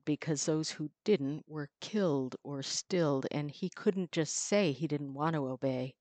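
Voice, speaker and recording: A woman's voice: sits low, dry recording. A woman reading her own poetry. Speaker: poet.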